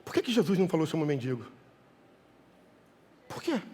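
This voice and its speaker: A Brazilian man preaching a sermon as a pastor, swinging between shouted cries and low, quiet asides. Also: big pitch swings, racing. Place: church hall. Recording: long hall reverb.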